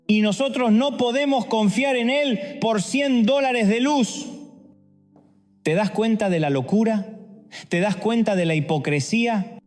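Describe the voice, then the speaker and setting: A male preacher delivers a sermon in a rather high voice. He works through rapid, dramatic rhetorical questions. A long reverb trails after his words. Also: a little mellow, soft background music.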